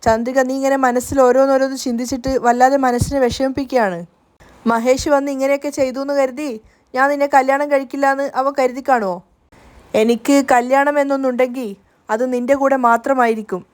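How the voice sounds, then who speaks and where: A woman voicing a calm young man who gently reassures a worried woman in a storybook recap. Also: high voice, fairly quick, close to an everyday voice. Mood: reassuring.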